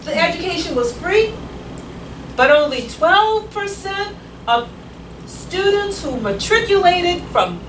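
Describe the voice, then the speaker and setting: With a very high, very animated voice and a slow pace, a grandmother in her sixties shares a rambling personal story at a community meeting. She grows emphatic and forceful along the way. Loud noise and echo fill the meeting room, and she is far from the mic.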